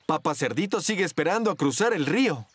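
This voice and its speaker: A man calmly narrating a cartoon with a Latin American Spanish accent. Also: on the high side, quick pace, breathy edge, no echo, faint music behind. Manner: calm, plain telling.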